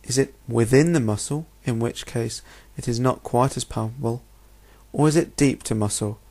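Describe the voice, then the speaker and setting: A man's voice: medium pitch, moderate pace, warm tone. A man with a mid-range voice delivers a narrated medical lecture. He explains step by step in an orderly, instructional way, often framing points as questions. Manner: clear, methodical, instructional, posing rhetorical questions. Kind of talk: narrated lecture over slides.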